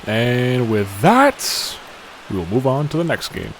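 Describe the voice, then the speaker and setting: A young man giving excitable play-by-play commentary on a video game, shouting on big hits and muttering quieter asides. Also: medium pitch, slow, slight background noise. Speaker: gaming YouTuber.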